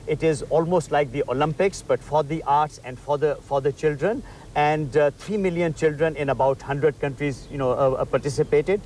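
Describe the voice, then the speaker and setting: Middle-aged man guest, mellow and a bit high, earnest with fillers. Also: normal speed, rough recording. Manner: earnest, with many fillers like "you know". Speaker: festival founder, interview guest. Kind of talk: live TV interview. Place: outdoors on a park lawn. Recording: faint outdoor background noise.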